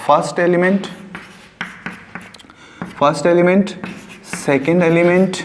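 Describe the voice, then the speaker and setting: A man's voice: high voice, steady tone, measured pace, a little hiss or hum. Man teaching a science class in an echoing hall. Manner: explains with everyday examples, repeats key points, asks and answers his own questions. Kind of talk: classroom lecture.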